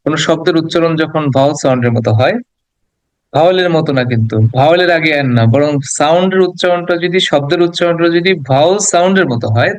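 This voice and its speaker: Higher-voiced man patiently teaching English sounds. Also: no room sound. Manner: patient, repeats points and slowly sounds out example words. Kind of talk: explanatory lesson.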